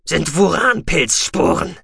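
A man voicing a furious, vengeful male researcher who shouts in anger and gloats over his enemy. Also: a little high, wildly swooping pitch, slow, vocal fry, slightly rough, no echo, clean studio sound, voice pushed up, full character voice. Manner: angry, triumphant, loud.

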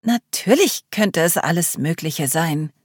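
A woman's voice: fairly low pitch, expressive, measured pace, slightly rough, no room sound, studio quality. A woman reading the part of a nervous young woman who turns bossy, sounding agitated and demanding. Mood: commanding. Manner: agitated, commanding.

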